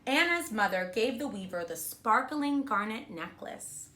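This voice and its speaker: Woman, kindergarten teacher voice, bright forceful tone, slightly high pitch, reading aloud to small children, simple explanations. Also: lively intonation, measured pace, slight background noise.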